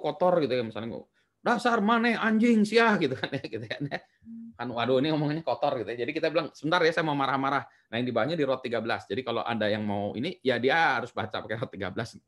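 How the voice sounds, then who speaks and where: A middle-aged man with an Indonesian accent giving a university lecture, relaxed and chatty, with many fillers and tag questions. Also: medium pitch. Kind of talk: recorded lecture.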